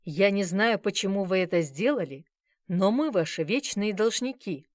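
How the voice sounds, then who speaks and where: A woman's voice: mid-range voice, lively intonation, normal speed, a little mellow, dry recording, close to an everyday voice. Brief: woman voicing a formal, grateful older-sounding man, earnest and polite, close dry read. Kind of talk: audiobook reading.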